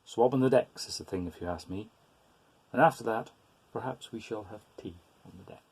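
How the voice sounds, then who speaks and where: A man voicing a practical gardener who plays ship's boatswain, in an animated storybook reading to a young child. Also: fairly low pitch, fairly quick, breathy edge. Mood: matter-of-fact.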